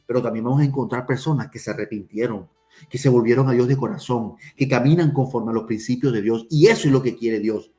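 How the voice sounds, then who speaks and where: Guy preaching a sermon, dark mellow voice, keeps hammering points with questions, soft music under it. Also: medium pitch, fast. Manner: emphatic, repetitive preaching with rhetorical questions.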